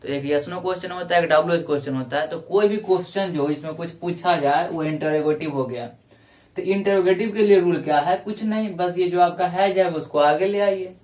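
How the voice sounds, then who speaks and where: A man's voice: sits high, a little mellow, recorded from a distance. Man teaching grammar in an echoey room. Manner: slow, explains grammar rules step by step, repeats each example. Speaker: English teacher. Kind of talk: classroom lecture.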